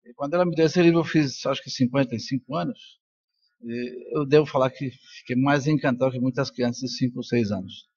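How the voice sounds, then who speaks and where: Speaking briskly in a mid-range, darkish, slightly rough voice, a neuroscientist and professor addresses a congress. He's an older native Spanish speaker from Colombia, and his talk is informal and reflective, laced with personal stories. The recording's highs are cut off.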